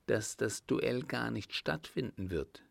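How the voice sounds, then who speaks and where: A man voicing an earnest, timid young French noblewoman in a slow, gravelly audiobook reading. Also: mid-range voice, animated, no room sound, exaggerated voice.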